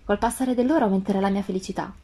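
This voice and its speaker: A woman voicing a gentle, wise female fox with a calm, earnest tone in a storybook reading. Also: mid-range voice, very fast, husky.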